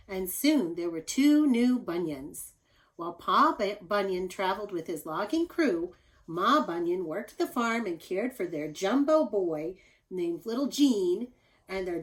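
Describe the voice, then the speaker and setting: Reading aloud to children as their teacher, a woman with a medium pitch explains things simply and addresses them directly with expressive stress. The audio quality is poor.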